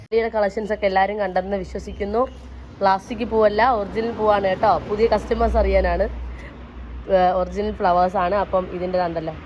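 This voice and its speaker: A woman's voice: medium pitch, fairly even intonation, brisk, darkish tone, slight background noise. A woman casually chatting as she shows her plants and urges viewers to order, recorded at a plant nursery with muffled sound. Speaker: plant seller. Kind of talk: casual sales chat.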